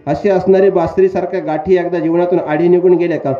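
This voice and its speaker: High-voiced preacher in an echoey hall. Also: male voice, quick pace. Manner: animated, questioning the audience. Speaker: kirtan preacher. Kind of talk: devotional kirtan sermon with storytelling. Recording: echoey, slightly dull hall recording. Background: instrument music.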